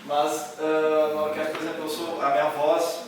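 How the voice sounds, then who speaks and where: A music workshop instructor explains things to students, loud and almost shouting, rambling with many fillers and restarts. His voice is fairly high, monotone and at normal speed. A camera picked him up from a distance in a very echoey hall, with background noise.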